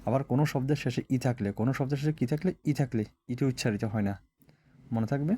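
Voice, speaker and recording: A man's voice: mid-range voice, fast, dark tone, slightly rough. A man teaching English verb forms, repeating word lists aloud and checking in with students. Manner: repetitive chanting of word lists, frequent "all right?" checks. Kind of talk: classroom lesson, drilling verb forms aloud.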